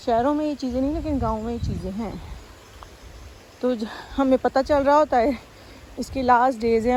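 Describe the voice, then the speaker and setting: A woman's voice: fairly high pitch, a little mellow, poor audio. A woman chatting casually into her phone while walking outdoors, breathing hard on the climbs. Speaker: vlogger. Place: outdoors in a German village. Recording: faint outdoor background noise.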